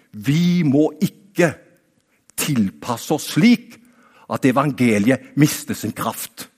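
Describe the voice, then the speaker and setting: A man preaching a sermon. He talks straight to his listeners, rising to emphatic high points and then dropping to quiet asides. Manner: animated, talks straight to the listener with repeated "vet du hva?"; swings between raised, emphatic peaks and quiet, low-voiced asides.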